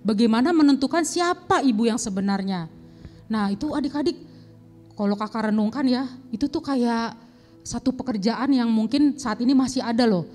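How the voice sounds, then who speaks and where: A young woman leads a children's Sunday school lesson, retelling a Bible story with animated exclamations and little acted-out voices for the characters. Her voice sits high, and soft music plays faintly behind her. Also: normal speed. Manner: animated, acts out characters' lines with gasps and exclamations.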